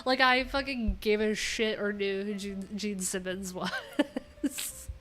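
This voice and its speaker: A woman in her thirties with an American accent hosts a casual livestream while going over docs, her tone rambling, wry, and informal. She speaks slowly in a mid-range, fairly bright voice. Background music fills the small, cluttered indoor room.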